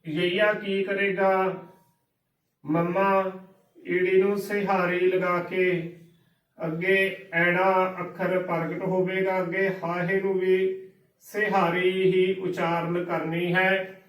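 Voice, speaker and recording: A man's voice: high-pitched, little pitch movement, slow pace, long pauses, fairly bright tone, echoey room, far from the mic, poor audio. A man teaching scripture pronunciation, spelling each word out letter by letter and repeating the right and wrong forms. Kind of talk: slow spelling-out pronunciation lesson.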